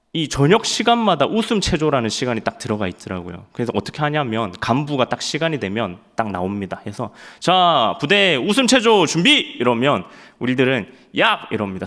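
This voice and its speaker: A young man preaching a sermon, telling stories in an animated way and acting out loud quotes. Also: mid-range voice. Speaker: evangelist preaching at a Friday night prayer service.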